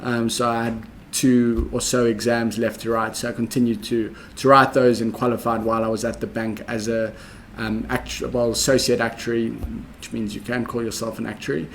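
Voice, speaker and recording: A young South African man, interviewed as a guest, explains his professional journey in a careful, orderly manner punctuated by frequent ums. His mid-range voice is gravelly and barely shifts in pitch, and a faint hiss or hum can be heard.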